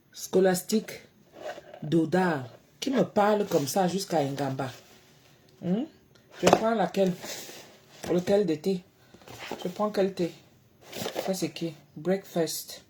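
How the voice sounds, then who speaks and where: A woman hosting a late-night live stream from home, reading out viewers' names and answering them, swinging between soft murmurs and loud exclamations. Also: on the low side, noisy background. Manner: reads out and answers viewers by name. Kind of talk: casual live-stream chat. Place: her home at night, indoors.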